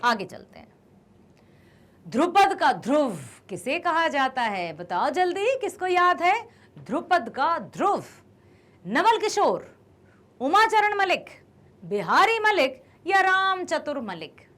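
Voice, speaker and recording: A woman teacher with a high voice that climbs and falls a great deal. She takes her time and unhurriedly walks students through quiz questions, cheering on correct answers. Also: big pitch swings, slow, a bit bright. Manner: encouraging, asks questions and praises answers; stresses careful pronunciation. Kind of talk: Hindi quiz lesson for students.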